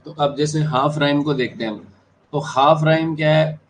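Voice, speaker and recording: A man's voice: a little high, normal speed, a little hiss or hum, low-quality recording. A man with an Indian accent teaching an exam-prep class, switching between Hindi and English, repeating key terms and checking whether students follow. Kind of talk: classroom lecture.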